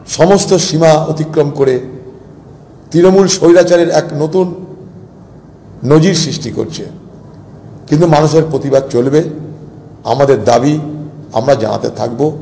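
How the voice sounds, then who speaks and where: Emphatic politician, echoing hall. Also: male voice, a little high, unhurried, gravelly, long pauses, dark tone. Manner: emphatic, repetitive rhetorical lists. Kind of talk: political speech to press. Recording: faint noise, long reverb.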